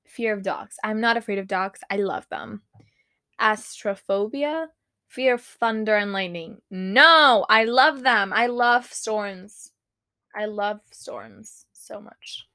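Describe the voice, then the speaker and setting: Young woman, solo podcast host; unhurried, giggly and foul-mouthed, reading a list aloud; dry close mic. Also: mid-range voice, bright, forceful tone, no echo. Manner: giggly and frank, swears, reads a list aloud. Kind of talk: casual solo podcast chat.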